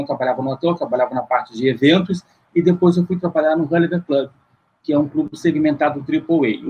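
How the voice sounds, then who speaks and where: Husky middle-aged man on a dull call line. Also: fairly high pitch, darkish tone. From Rio de Janeiro, Brazil. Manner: long rambling account with many fillers and restarts. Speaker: guest, luxury market CEO. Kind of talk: interview over video call. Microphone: video call.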